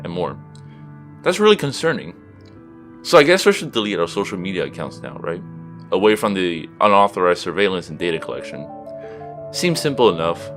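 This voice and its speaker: Deep-voiced young man narrating an essay. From Seattle, USA. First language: Chinese. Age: young adult. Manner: steady, explanatory reading. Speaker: student narrator. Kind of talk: scripted video essay narration. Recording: music behind voice.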